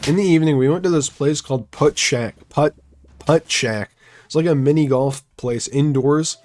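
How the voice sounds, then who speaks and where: A man's voice: on the high side, moderate pace, darkish tone. A young man chatting casually while streaming a game live, rambling through sarcastic asides.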